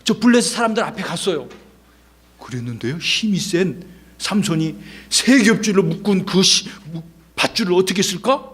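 Husky high-voiced pastor telling kids a Bible story. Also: male voice, normal speed. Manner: animated storytelling, quizzing children. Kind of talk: children's Sunday school sermon.

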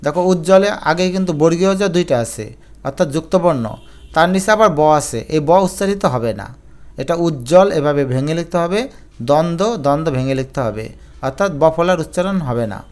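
A man teaches grammar for an exam, his voice pitched a little high and resonant. He walks through each rule patiently and repeats the examples. He keeps turning to his students to address them directly. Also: expressive, quick pace, clean tone. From Bangladesh. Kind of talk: exam-prep grammar lesson.

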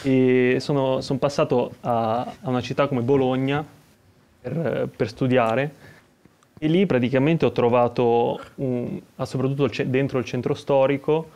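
A man's voice: medium pitch, fairly even intonation, a little slow, a little mellow. A young man from Italy calling in to a chat show, telling his story in rambling, hesitant phrases. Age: young adult. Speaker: caller. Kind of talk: casual call-in chat.

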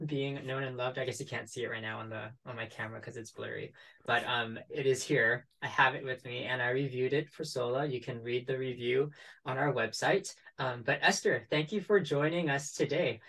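A man's voice: mid-range voice, steady tone, moderate pace, fairly bright tone. Friendly man hosting a video call. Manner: friendly, encouraging, hesitant restarts. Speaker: interview host. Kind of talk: casual interview over video call. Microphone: headset on video call.

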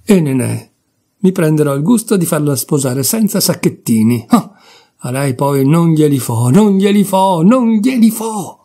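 A man's voice: fairly high pitch, lively intonation, moderate pace, dark tone, breathy edge. A man reading aloud voices a tired, anxious older mother who pleads with her daughters. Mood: stubborn.

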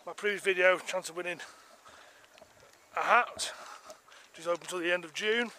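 English guy in his 40s, higher voice, talking to the camera at arm's length outside on a golf course, chatty. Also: moderate pace, pushed and bright, slight background noise. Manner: chatty, addresses viewers as guys. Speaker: golf vlogger. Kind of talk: casual vlog commentary. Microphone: camera held at arm's length.

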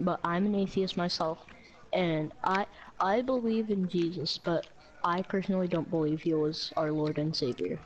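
A woman chatting casually while playing a game with friends and throwing in quick wisecracks. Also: lowish voice, poor audio. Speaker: player in the group. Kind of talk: casual gaming chat.

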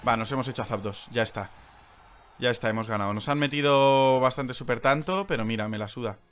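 Soft background music accompanies this excitable young man from Spain as he narrates his game live at a fairly quick clip. His voice jumps between loud outbursts and low mutters.

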